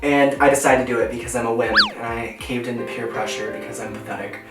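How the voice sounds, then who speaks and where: A young man telling a long personal story to camera in a casual, animated way, acting out the people in it. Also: medium pitch, fast talker, distant mic, over music. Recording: roomy echo, a bit off mic.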